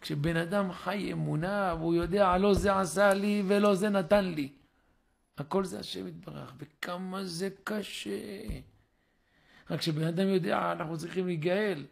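A man, a rabbi, giving a sermon in a synagogue and telling a story, acting out its dialogue with rising and falling voice. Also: gravelly. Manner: acts out the story's dialogue with shifting pitch and loudness. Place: synagogue, live stream.

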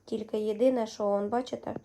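A woman's voice: fairly high pitch, steady tone, fairly quick, mellow, slight background noise. A young woman vlogging casually as a mother, chatting to the camera and cooing to her baby. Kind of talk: casual daily vlog.

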